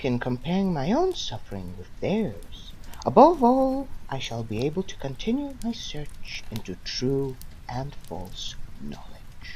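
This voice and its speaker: A woman's voice: sits low, slight background noise, full character voice, poor audio. Woman playing the Master, theatrical and wildly swooping. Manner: theatrical, dramatic, swinging between hushed and loud. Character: theatrical renegade time-travelling villain, mercurial and wry. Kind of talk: fan-made audio drama acting.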